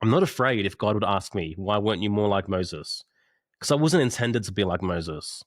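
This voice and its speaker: A man's voice: lowish voice, lively intonation, normal speed, no room sound, studio quality. A man, a podcast guest, talking earnestly over a video call and telling a parable in casual conversation. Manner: earnest, storytelling.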